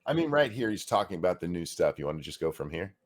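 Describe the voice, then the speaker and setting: A man with a very deep voice co-hosts a live stream. He talks in a relaxed, matter-of-fact way and gives his opinions plainly. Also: fast talker. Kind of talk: casual chat.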